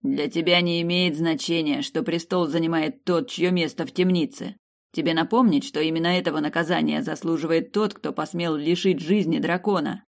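An audiobook reader voicing a stern, wounded male dragon lord who speaks heavily and gravely. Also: a little high, steady tone, moderate pace. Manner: grave, heavy-voiced.

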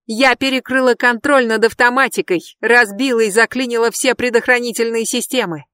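A reader voicing a desperate, unhinged woman who shrieks her lines in a high, frantic voice. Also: steady tone, brisk, sharp tone, no room sound, clean studio sound, lightly acted. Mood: defiant.

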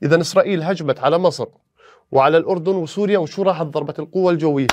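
A male teacher racing through an exam review at high speed, his voice sitting slightly high. He keeps firing rhetorical questions and slips into playful mini-skits. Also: rapid-fire, noisy background. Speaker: history teacher.

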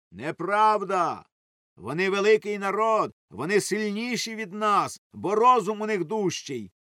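A man's voice: high-pitched, bright, forceful tone, dry recording, studio quality, pitched above the performer's own voice, full character voice. A man reading aloud and voicing a fiery male preacher who rebukes the faithful in an impassioned, declaiming way.

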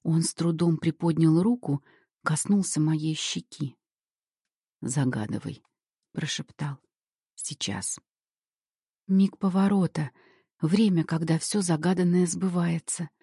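A woman narrates a story in the first person, measured and softly dramatic. Her voice is low, dark and mellow, with a husky edge. The recording is dry, with no room sound. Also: steady tone, dry recording.

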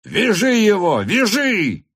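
Brief: man voicing an enraged young hussar officer, commanding, barks out high, slow, drawn-out orders, audiobook. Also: close to an everyday voice. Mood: furious shouting. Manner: shouting, commanding.

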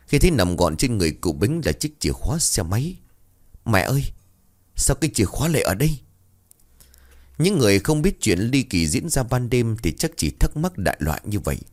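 A man's voice: fairly low pitch, big pitch swings, brisk, a little mellow. A man narrating a ghost story in a dramatic, suspenseful way.

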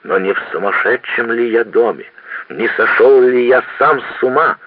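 A man voicing an agitated, pedantic older schoolmaster who shouts indignantly, heard on a tinny old radio recording. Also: mid-range voice, normal speed, slight background noise, voice pushed up, close to an everyday voice.

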